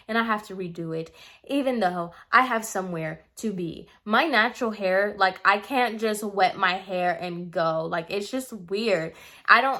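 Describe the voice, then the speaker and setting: A woman's voice: mid-range voice, a bit bright. A young woman in her twenties telling a storytime while doing her makeup, exasperated and emphatic, with lots of "like"s. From Puerto Rican heritage. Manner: exasperated, emphatic, rants with many "like"s. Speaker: beauty vlogger. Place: at home in front of a camera.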